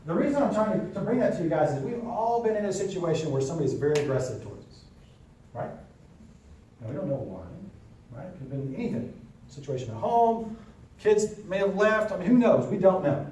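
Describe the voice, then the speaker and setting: A man's voice: high-pitched, lively intonation, a little fast, dark tone, slight background noise. A man teaching real estate agents in a classroom, talking casually and checking in with the class often. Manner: conversational, keeps checking in with the class. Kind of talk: classroom lesson with role-play. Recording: echoey room from far off.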